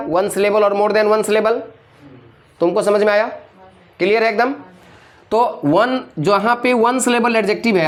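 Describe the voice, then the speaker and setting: A male teacher giving a classroom grammar lecture, constantly quizzing his students with call-and-response questions. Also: high-pitched.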